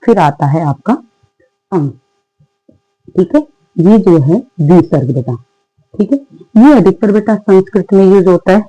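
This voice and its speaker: Patient woman teacher, mellow dry voice. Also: sits low, dry recording, poor audio. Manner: patient, calls pupils "beta", asks and answers her own questions; often says "theek hai" between points. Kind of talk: online Hindi lesson for young children.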